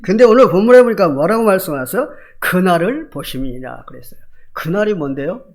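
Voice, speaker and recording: A man preaching a Sunday sermon as pastor, asking the congregation rhetorical questions and swinging between loud emphatic lines and quiet asides. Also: high voice, lively intonation, fast talker. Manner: colloquial, emphatic delivery.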